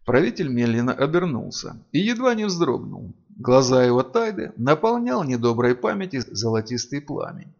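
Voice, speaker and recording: A man narrating a fantasy audiobook in an expressive, sing-song reading style. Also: mid-range voice, normal speed, vocal fry, lo-fi sound.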